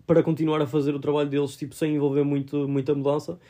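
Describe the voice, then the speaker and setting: A man's voice: a little high, flat delivery, fast, mellow. A young man chatting casually about things in slangy speech sprinkled with English words. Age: young adult. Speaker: film discussion podcast co-host. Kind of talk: casual chat.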